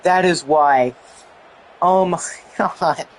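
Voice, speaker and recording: A young man giving excited commentary on a football video game he is playing, exclaiming and mildly swearing. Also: fairly high pitch, drawn-out words. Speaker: gaming YouTuber.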